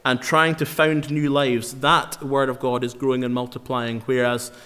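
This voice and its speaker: A man preaching a sermon in an earnest, emphatic way, slowing down to repeat key phrases for weight. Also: medium pitch, flat delivery, bright, forceful tone, clear, resonant tone. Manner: earnest, emphatic, with slow dramatic repetitions. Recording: long hall reverb.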